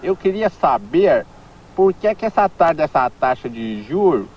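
An actor playing a baffled Brazilian country bumpkin with a rural caipira drawl in a TV comedy sketch. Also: male voice, fairly high pitch, sing-song, background noise. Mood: puzzled. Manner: slow rustic drawl. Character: slow, baffled male country bumpkin with a cigarette. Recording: distant sound under loud music.

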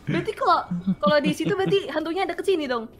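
A woman's voice: extremely high pitch, racing, a loud crowd. A woman playing a horror game with friends, nervous and chatty, offering to play support. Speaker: streamer guest. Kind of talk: casual gaming stream chat.

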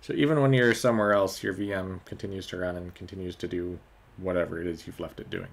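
A man hosting a tech tutorial, narrating a software walkthrough over a screen recording in a relaxed way, with many ums and uhs. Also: low-pitched, quick pace, gravelly.

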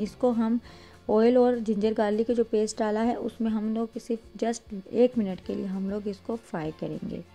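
A woman's voice: a little high, warm tone. A woman hosting her cooking channel, explaining a simple recipe step by step. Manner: plain step-by-step instruction with restarts. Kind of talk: voice-over cooking tutorial.

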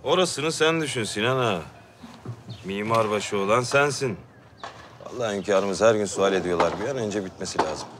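A man's voice: fairly low pitch, moderate pace, a bit bright, slight background noise, lightly acted. An actor playing a formal, matter-of-fact Ottoman court official in a period drama. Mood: brisk, official. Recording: prominent music under the dialogue.

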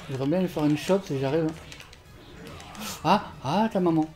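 A man streaming a fighting game from home on a desk mic, swearing and shouting at the game while chatting with viewers. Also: on the high side, moderate pace, faint music behind. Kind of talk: live gameplay commentary. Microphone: desk microphone.

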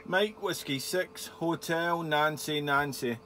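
Higher-voiced man on ham radio. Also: slow pace, heavy background noise. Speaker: amateur radio operator. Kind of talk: ham radio contact exchange.

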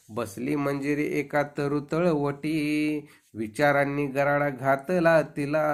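A man's voice: on the high side, clean tone. A man singing a children's poem and telling a rhymed story in melodic recitation. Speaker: storyteller and singer.

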